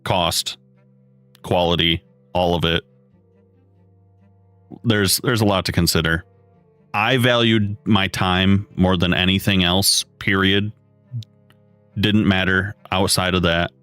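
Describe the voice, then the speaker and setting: Male streamer, thirties, deep and low, relaxed rambling chat, dry close mic. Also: slow, pauses often, clear, resonant tone, dry recording. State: has the hiccups. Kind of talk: casual live-stream chat while building. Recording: dry close mic, faint music behind.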